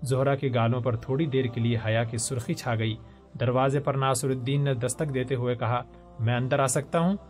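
A male narrator reads a historical novel aloud in a measured, expressive way. His voice sits at an ordinary middle pitch, steady and composed, with faint music underneath. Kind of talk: scripted story narration.

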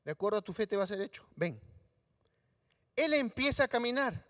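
A man's voice: very high voice, rapid-fire, sharp tone. A man preaching a sermon in a church hall, acting out voices of Bible figures for the congregation. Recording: live stream in a reverberant hall.

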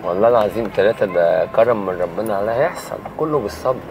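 A man's voice: on the low side, animated, rapid-fire. An Egyptian man playing a taxi driver in a hidden-camera prank, pleading and apologizing in a rush. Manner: pleading, apologetic then shouting. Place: inside a car. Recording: street noise from a car.

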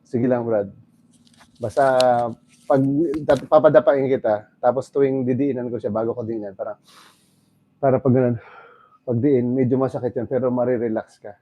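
A man's voice: mid-range voice, moderate pace, pauses often, no echo, muffled recording. Dry-voiced man coaxing a massage client. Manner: coaxing, repeats calm instructions. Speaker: traditional bone setter. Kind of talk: guiding a client through a massage.

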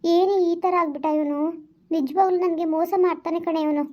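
A woman's voice: fairly even intonation, dull audio. A woman playing Kavya, a jealous scorned lover. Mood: brooding. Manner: reproachful, quick and high-pitched. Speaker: amateur skit actor. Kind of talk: village vlog skit acting.

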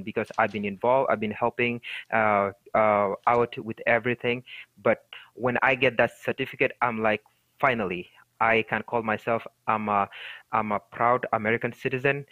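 A young man from Ethiopia, a city council candidate, speaking earnestly with many halting fillers over a headset on a video call. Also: mid-range voice, no room sound. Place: home room. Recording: dry tinny video call audio.

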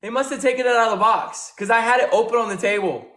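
A man hosting a livestream, repeating phrases and shouting countdowns to rally his viewers. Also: extremely high pitch, quick pace. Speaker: livestream host. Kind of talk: hyping viewers during a live battle. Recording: echoey room with faint music.

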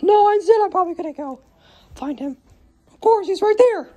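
A woman's voice: very high voice, lively intonation, a little fast, mellow, soft background music. A woman in improvised pretend play as a pet owner, scolding her dog in a playful, mock-dramatic way.

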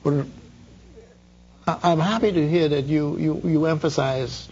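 An older man from the Bahamas hosts a studio interview, his voice a little high. He halts and repeats himself often while he searches for words. The lapel mic sounds a bit dull, with a faint hiss behind it. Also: steady tone, darkish tone. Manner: halting, with many repeated words and fillers. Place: dark TV studio.

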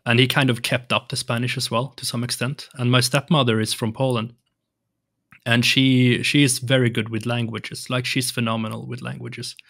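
A young Swedish man, a native Swedish speaker, talks in English as a guest on a casual interview podcast, hesitating and restarting often. His mid-range voice is level, creaky and a bit bright, at a moderate pace. He sits in a home room with shelves and colored lights, wearing headphones before a large studio mic on an arm.

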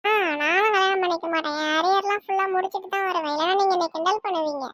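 A woman's voice: very high voice, fairly even intonation, fairly bright tone. A woman voicing a touchy, easily hurt young woman of twenty in a cartoon, speaking with a Tirunelveli Tamil accent. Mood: hurt, sulky. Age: 20s. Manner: sulky, complaining, quick to take offence. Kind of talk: cartoon voice acting.

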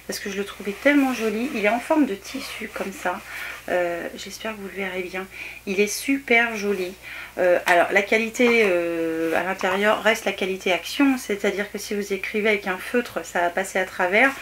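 In her thirties and from France, this woman is a haul vlogger doing a casual show-and-tell of her shopping purchases in a small bedroom at home. She sounds enthusiastic but hesitant, filling her speech with lots of fillers. Her voice is medium-pitched and fairly bright at a moderate pace, with slight background noise.

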